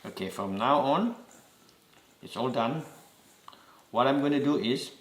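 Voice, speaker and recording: A man with a Singaporean accent talks through a home baking recipe at a slow, patient pace. His instructions come step by step with gentle repeated reminders, and the voice is mid-pitched. The kitchen around him gives the sound a noticeably roomy echo. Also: expressive. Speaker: home cooking host. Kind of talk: step-by-step cooking demonstration.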